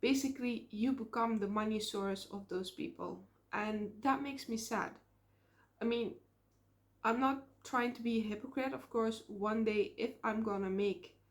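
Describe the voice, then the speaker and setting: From the Netherlands, this young small-channel YouTuber speaks in a mid-range voice with a Dutch accent. Her relaxed vlog to camera is thoughtful and sincere, often broken by filler pauses.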